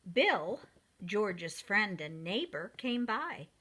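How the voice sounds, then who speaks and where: Speaking directly to young children, a woman reads a picture book aloud in an expressive, deliberate way. Her pitch sits in the medium range, and there's a little hiss or hum in the recording.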